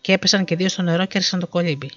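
A storyteller reading a fairy tale aloud with lively delivery, on a dull lo-fi recording with faint music behind. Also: medium pitch.

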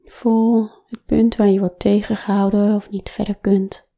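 A woman talks softly and calmly, slipping into a whisper for much of the exercise. Her tone is very dark and mellow, and she unhurriedly leads listeners through gentle body-awareness instructions. Her words come at a very slow, measured pace. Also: mid-range voice, gravelly. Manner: soft, calm, often whispering. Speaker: relaxation guide.

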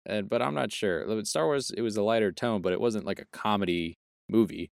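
Low smooth-voiced man riffing on movies. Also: fairly quick, dry recording, studio quality. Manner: rambling, jokey, self-correcting. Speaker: podcast co-host. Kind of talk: casual film review chat.

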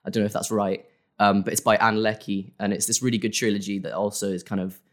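Low-voiced young man, rambling. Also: flat delivery, fast talker. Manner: rambling, many fillers and self-corrections. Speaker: guest creator. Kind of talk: casual interview.

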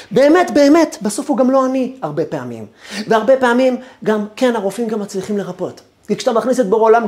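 Man, rabbi, lecture, animated pitch, emphatic, rhetorical questions. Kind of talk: Torah lecture with storytelling.

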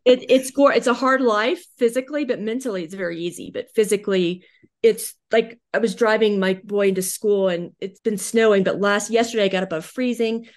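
A woman's voice: mid-range voice, a little fast. A woman, a podcast guest chatting in an effusive, gushing way and repeating herself. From United States. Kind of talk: casual interview chat.

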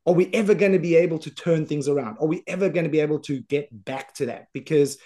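A man's voice: fairly high pitch, fast talker, warm tone. A man with a South African accent, a podcast host, speaking candidly and thoughtfully in conversation.

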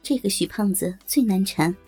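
A woman telling a story in the first person, in a colloquial, brisk storytelling manner. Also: medium pitch, darkish tone, slightly rough, soft background music. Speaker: narrator.

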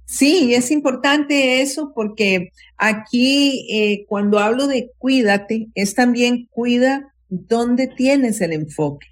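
A woman giving advice on mental health in an interview, speaking slowly and emphatically and acting out complaining voices. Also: fairly high pitch. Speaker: guest psychologist.

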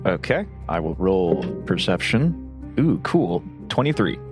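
Low-voiced man playing a tabletop game. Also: very animated, slow pace, soft background music. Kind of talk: casual game-table chat.

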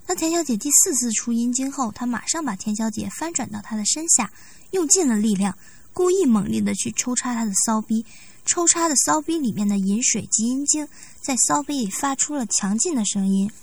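A woman narrating a story in a steady, even reading voice. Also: a little high, fairly quick, vocal fry, a little hiss or hum. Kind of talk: scripted audiobook narration.

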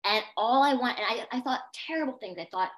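A woman's voice: fairly high pitch, fast. A young adult woman, a podcast guest, telling a personal story with intense emphasis and repeated phrases.

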